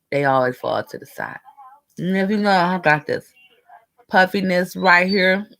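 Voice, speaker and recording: A woman's voice: on the low side, a bit bright. A middle-aged woman, chatting candidly to her viewers while she eats and does her makeup. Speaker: lifestyle vlogger. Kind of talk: casual chat while doing makeup.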